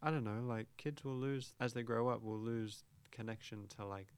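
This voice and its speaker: A man's voice: mid-range voice, fairly even intonation, normal speed, smooth. A young adult man, a musician chatting thoughtfully and at ease as an interview guest, with many fillers. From Australia, grew up in Brisbane. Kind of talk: casual interview chat.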